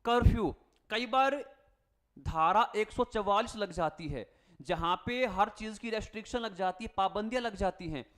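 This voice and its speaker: A man leads a spelling lesson for exam students, his voice sitting fairly high for a man. He spells words out letter by letter and keeps asking his class questions before answering them himself. He speaks in a friendly coaching tone, calling his students "beta" and "bhai". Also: unhurried, fairly bright tone. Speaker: English teacher.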